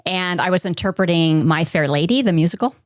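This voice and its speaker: A middle-aged woman, a podcast guest, reflectively telling a personal story with many pauses and fillers. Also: on the low side, no room sound, studio quality.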